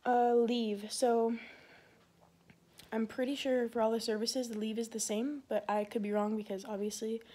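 A woman's voice: fairly high pitch, little pitch movement, normal speed, warm tone. A pregnant woman in her twenties who serves in the Air Force, chatting casually in a rambling vlog, full of fillers and a little short of breath.

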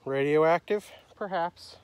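A man's voice: on the high side, slow, clean tone, dry recording, poor audio. A man chatting and joking playfully with a companion while filming a hike on a wooded trail. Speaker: hiker filming a trail vlog. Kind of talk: casual chat while hiking.

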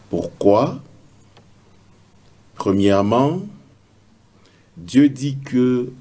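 Man, extremely slow halting delivery, dark mellow tone, solemn prophecy. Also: on the low side, slightly rough. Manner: halting, deliberate phrasing.

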